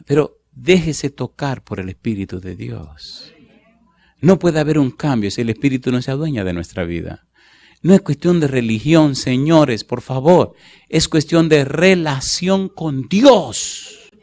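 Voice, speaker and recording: A male pastor preaching a sermon, slowing down to read scripture and putting rhetorical questions to the congregation. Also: medium pitch, expressive, vocal fry, darkish tone. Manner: slows to stress scripture verses.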